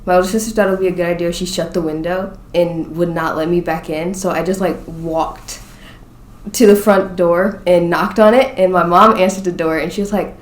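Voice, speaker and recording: Young woman, lowish voice, sheepish anecdote, roomy echo. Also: steady tone, moderate pace. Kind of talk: casual anecdote. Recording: roomy recording.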